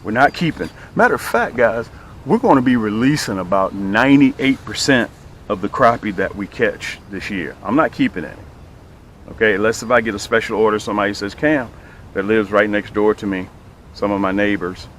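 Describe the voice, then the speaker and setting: Here the fishing host's voice is lowish, expressive and a little fast, with a fairly bright tone and a bit of hiss or hum. Outdoors, he excitedly demonstrates and sells tackle, repeating phrases for emphasis.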